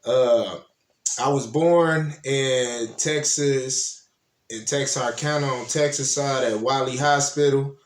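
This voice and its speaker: A man from Toledo, Ohio, hosts his own show and tells stories from his life in a rambling, relaxed way. His voice sits at an ordinary middle pitch for a man. The recording sounds roomy, with the voice echoing off the walls. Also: slow, slight background noise. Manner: rambling and laid-back, often adds "you know what I'm saying". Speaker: host. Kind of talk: casual personal storytelling. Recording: roomy echo.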